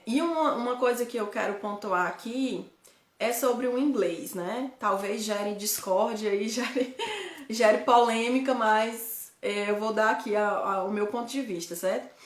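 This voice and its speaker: A woman with a Ceará accent chats with her viewers in a fairly high voice. She keeps tossing in quick tag questions and restarts her sentences mid-thought. Her voice rings in a roomy, echoey space. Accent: Northeastern Brazilian, Ceará. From Ceará, Brazil. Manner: chatty, frequent tag questions, self-correcting. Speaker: host, guide living abroad. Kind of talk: casual live chat to viewers.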